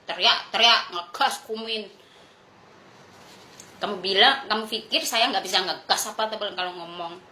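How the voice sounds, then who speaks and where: A woman's voice: medium pitch, normal speed, pauses often, bright, forceful tone, roomy sound, slight background noise. A woman vlogger delivering a blunt, crude, confrontational rant to her viewers. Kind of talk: ranting monologue to viewers.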